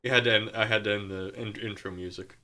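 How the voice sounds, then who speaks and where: A man's voice: fairly low pitch, steady tone, fast, pushed and bright. A man hosting a casual podcast chat, dry and teasing. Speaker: podcast host. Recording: faint intro music looping behind.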